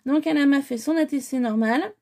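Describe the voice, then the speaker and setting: Gushing as she opens a package, a woman who vlogs about scrapbooking talks in a slightly high, gravelly voice with a darkish tone. She keeps a moderate pace but hesitates often, scattering fillers throughout her casual chat.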